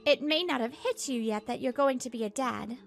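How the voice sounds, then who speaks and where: In a manga dub, a woman voices an earnest wife with a high voice, narrating her home life. She speaks briskly with some creak, sounding fed up yet hopeful. Music plays underneath.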